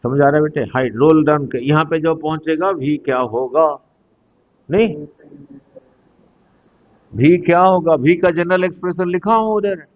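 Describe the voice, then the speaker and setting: A man teaching a physics class, explaining slowly and deliberately and often asking his students whether they follow. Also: on the high side, phone-quality sound. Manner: slow, deliberate explaining, mixing Hindi and English, asking the class questions. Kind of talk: classroom lecture on a whiteboard.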